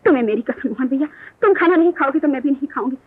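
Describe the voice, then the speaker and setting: An actress playing a gentle but stubborn young sister-in-law, pleading and coaxing in theatrical 1950s film style, on a tinny old soundtrack. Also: female voice, high-pitched, lively intonation, rapid-fire. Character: gentle, stubborn young bhabhi who tames her drunk brother-in-law. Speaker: devoted sister-in-law in a family drama. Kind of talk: 1950s Hindi film acting.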